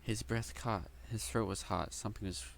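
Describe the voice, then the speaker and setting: A young man reads a novel aloud at home, his low voice full of gravelly fry. He stumbles over words and breaks off into eager reactions, with a faint hiss behind him. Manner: reads haltingly with slips, breaks off to react excitedly. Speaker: light novel reader and reactor. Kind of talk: casual read-aloud with commentary.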